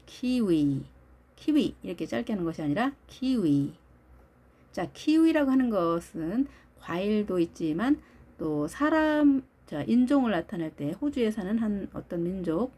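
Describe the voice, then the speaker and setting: Korean woman teaching English words, mellow voice. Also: mid-range voice, husky. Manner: patient, slow drilling of English phrases with frequent "자". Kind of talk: video lesson explaining pronunciation.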